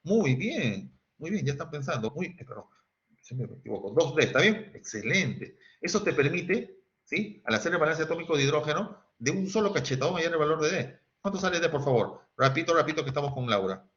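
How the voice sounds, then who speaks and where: Un profesor con acento peruano que da una clase de química en línea y pregunta "¿sí?" a cada rato a sus alumnos. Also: male voice, a little high, lively intonation, fairly quick, fairly bright tone. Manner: quizzing students, asking "¿sí?" often, sings snatches. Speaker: teacher. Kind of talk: online chemistry class. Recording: dull lo-fi sound.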